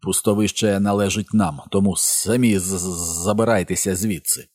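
A man reading an audiobook, voicing a quiet, steady boy who stutters and speaks softly and distinctly. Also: low-pitched, normal speed, husky, no echo, clean studio sound. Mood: firm.

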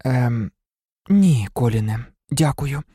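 A man voicing a gloomy, reserved teenage schoolboy in an audiobook, who speaks in a flat, subdued way. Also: medium pitch, takes it slowly, slightly rough, no echo, studio quality.

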